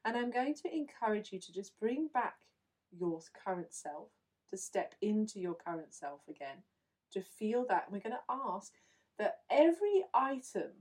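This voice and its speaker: A woman guides a listener through a visualization. Her voice is mellow and warm at a middle pitch. She talks slowly and gently, giving calm step-by-step instructions. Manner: slow, soothing, instructive. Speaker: meditation guide.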